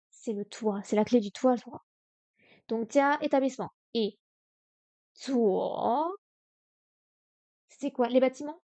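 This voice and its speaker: A woman streaming herself studying Chinese, sounding out words slowly and correcting herself aloud. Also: high voice, a little mellow. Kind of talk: live-stream study session.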